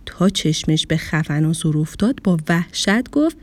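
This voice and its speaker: A woman storyteller narrating a children's story in an animated, sing-song way, with music under her voice. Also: lowish voice, background noise. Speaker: storyteller host.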